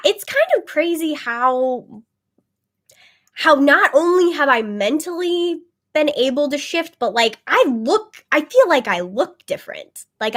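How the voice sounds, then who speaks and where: A woman reading tarot on a webcam livestream chats casually with viewers, rambling and dropping plenty of "like" fillers. Her voice is a little high and a bit bright, and it sounds slightly phlegmy and congested.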